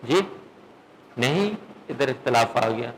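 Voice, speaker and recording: A man teaching a recitation class who keeps putting questions to his students, often checks with "okay?", and drills the sounds slowly, one at a time. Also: medium pitch, expressive, slight background noise, poor audio.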